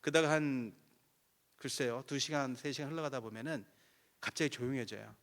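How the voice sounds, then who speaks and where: A man's voice: medium pitch, fairly quick, fairly bright tone. A man preaching as a guest pastor at a revival meeting, telling stories and acting out both sides of the conversations. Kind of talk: sermon with acted prayer dialogue.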